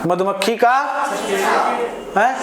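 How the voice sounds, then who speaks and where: A man lectures slowly to a room of students, saying each word over and over and checking back with them. His voice rings around an echoey classroom, with student chatter clearly heard behind him. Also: high voice. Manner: repeats each word several times, keeps asking "है ना". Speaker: Hindi grammar teacher.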